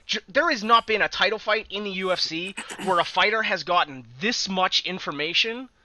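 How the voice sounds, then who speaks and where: A man's voice: high-pitched, normal speed, bright, forceful tone, no echo. A man co-hosting a casual podcast, talking animatedly with frequent laughs and the odd swear word. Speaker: podcast co-host. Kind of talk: casual sports chat.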